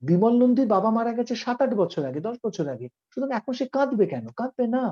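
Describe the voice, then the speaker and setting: A man's voice: extremely high pitch, very animated, fast talker, a little mellow. Earnest male acting teacher, lo-fi sound. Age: middle-aged. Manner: earnest, emphatic, switching into English phrases. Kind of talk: theatre workshop lecture.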